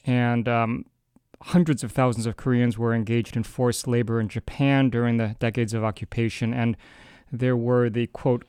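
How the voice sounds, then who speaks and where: A male host reads out background facts and then asks questions, measured and informative with the odd filler. His voice is smooth and resonant at an ordinary pitch. The recording is close and dry. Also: a little mellow, dry recording. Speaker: interviewer, host. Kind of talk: interview questions with scripted background.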